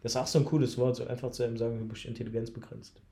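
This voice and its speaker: A young man co-hosting a podcast in casual chat, joking and slangy, with hesitant pauses. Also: medium pitch, little pitch movement, dark tone. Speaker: podcast co-host. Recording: echoey room.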